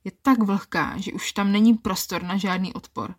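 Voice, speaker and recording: Female podcast narrator, first-person erotic story, calm and intimate. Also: medium pitch.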